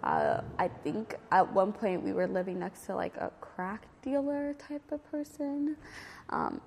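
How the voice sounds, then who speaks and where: Her voice is gravelly and sits in the mid-range as she answers interview questions for an oral history, reminiscing in a casual, reflective, hesitant manner. She is a woman in her thirties, originally from Ethiopia, who has lived in San Diego since she was nine. The setting is a community center room whose sound has a long, hall-like reverberation.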